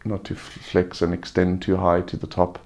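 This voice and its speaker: Subdued, gravelly man, weary after surgery. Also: low-pitched, monotone, normal speed, darkish tone. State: recovering from surgery with a sore throat. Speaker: vlogger giving a recovery update. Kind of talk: casual personal update, unscripted.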